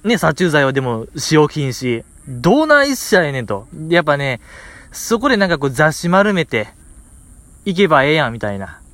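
A male podcast host with a Kansai Japanese accent tells a story in a casual monologue, animated and full of comic exasperation and lots of fillers. His voice is fairly high, with no echo.

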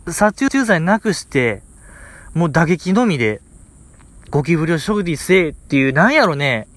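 This podcast host speaks Kansai Japanese in a slightly high voice at a moderate pace, recorded with no room sound. Animated and comically exasperated, he spins a story in a loose monologue packed with fillers.

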